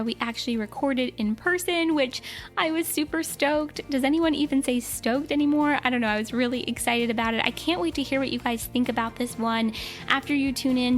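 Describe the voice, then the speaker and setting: Woman podcast host, bright and enthusiastic, higher-pitched voice. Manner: upbeat, enthusiastic.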